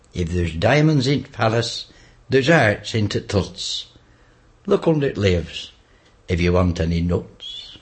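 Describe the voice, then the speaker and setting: Slow man reciting verse. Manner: slow, measured reciting, dropping low on the refrain. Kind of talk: dialect poem recitation.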